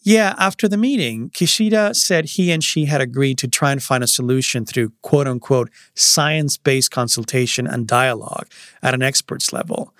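A man's voice: medium pitch, moderate pace, a bit bright, no echo, clean studio sound. A man who is a staff writer, explaining news as a guest in a podcast interview. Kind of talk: explanatory news analysis in conversation.

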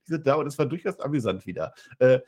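A man co-hosting a wrestling review podcast, recapping the show as an animated storyteller. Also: medium pitch, fast, slightly rough.

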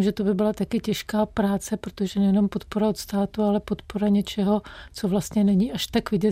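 Woman host, formal and courteous questions, warm dark tone, dry close sound. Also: medium pitch, dry recording. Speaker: interviewer. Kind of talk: radio interview.

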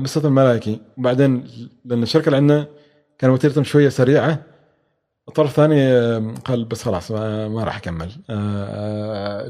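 A man's voice: mid-range voice, darkish tone. A man answering interview questions, with many hesitations and restarts. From Oman. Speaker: guest, venture capital expert.

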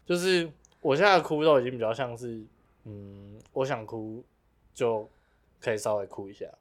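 A man's voice: medium pitch, moderate pace. A man, co-hosting a casual podcast chat, laid-back and laughing often. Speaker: podcast co-host.

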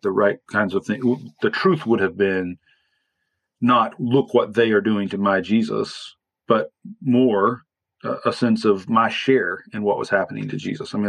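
Gravelly low-voiced man, thoughtful guest. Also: fairly bright tone, dry recording. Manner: thoughtful, qualifying with frequent "right?". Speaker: author and theologian guest. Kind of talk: reflective interview conversation.

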